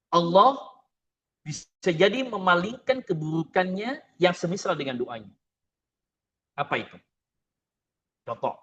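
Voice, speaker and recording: A man's voice: fairly high pitch, pushed and bright, dull audio. A man preaching a sermon, telling stories with energy and acting out prayers and dialogue.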